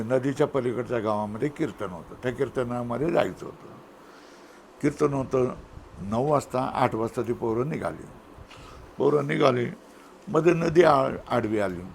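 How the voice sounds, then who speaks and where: Older male spiritual teacher, gravelly voice, storytelling sermon, swings between loud and hushed, faint noise behind. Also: medium pitch. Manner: storytelling, asks the audience rhetorical questions; acts out characters with sharp swings in loudness. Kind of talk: Marathi spiritual discourse with a parable.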